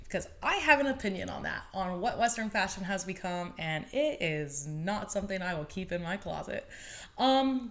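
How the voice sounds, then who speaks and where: Young woman, podcast host, casual monologue, chatty storytelling, mid-range voice. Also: medium pitch. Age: 20s. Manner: chatty, animated storytelling with laughs.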